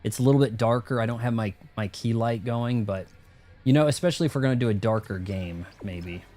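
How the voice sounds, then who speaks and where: A man giving casual, slangy commentary as he plays a game, rambling and thinking out loud. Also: mid-range voice, fairly quick. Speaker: video game streamer. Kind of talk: casual first-playthrough commentary.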